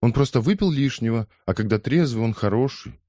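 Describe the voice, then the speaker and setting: A man's voice: medium pitch, expressive, brisk, warm tone, dry recording, studio quality, pitched above the performer's own voice, lightly acted. Man voicing a sobbing meek young wife. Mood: tearful. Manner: tearful, meek.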